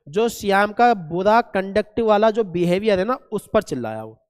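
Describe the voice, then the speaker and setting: A man teaching a classroom vocabulary lesson, asking questions and answering them himself, spelling words letter by letter and reading English examples very slowly. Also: high voice, lively intonation, clean tone, in a large hall. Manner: asks and answers his own questions, calls students "beta".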